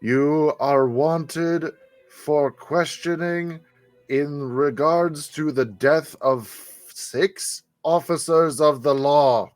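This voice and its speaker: A booming, magically amplified male voice of an unseen official rolls out slow and stern, as a game master puts it on. The delivery is heavy and unhurried, raised well above a normal speaking voice, with a dry close sound. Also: no room sound, faint music behind. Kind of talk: tabletop game narration.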